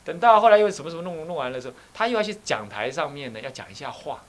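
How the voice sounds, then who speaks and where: A middle-aged Taiwanese abbot gives a Buddhist dharma talk in a fairly high, racing voice. He tells stories vividly, acting out scolding voices and putting questions to his listeners.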